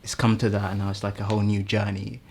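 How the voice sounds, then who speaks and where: A young man in his twenties from Sweden, a guest talking in a halting, easygoing way with many restarts. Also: lowish voice, completely flat delivery, slight background noise. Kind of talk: casual chat.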